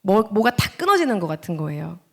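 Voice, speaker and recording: A woman's voice: medium pitch, very animated, fast. A woman in her thirties, an actress giving a testimony as guest speaker in a church, telling her story with strong feeling and acting out her own past words. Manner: swings between loud outbursts and hushed, near-whispered lines. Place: church sanctuary.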